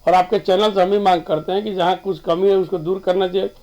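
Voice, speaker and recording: A man on a TV debate panel calmly explaining and defending the administration. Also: high-pitched, fast. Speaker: ruling-side panelist. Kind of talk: TV debate discussion.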